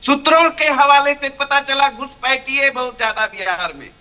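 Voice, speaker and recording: A man speaking as a party spokesperson in a heated television panel debate. His voice sits high and rings very bright, even a little sharp. He argues insistently and keeps pressing to be heard. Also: moderate pace. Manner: insistent, argumentative, repeats pleas to be heard.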